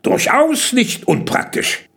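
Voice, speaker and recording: A man's voice: mid-range voice, huge pitch swings, vocal fry, a bit bright, husky, full character voice. A man voicing a tiny, impatient gnome king from underground who grumbles and scolds. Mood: grumpy. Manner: grumbling, scolding, quick to complain.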